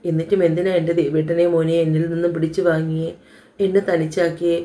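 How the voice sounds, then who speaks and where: A woman voicing a young grieving widow who speaks softly and sorrowfully in an audio storybook. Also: sits low, little pitch movement, quick pace, lightly acted.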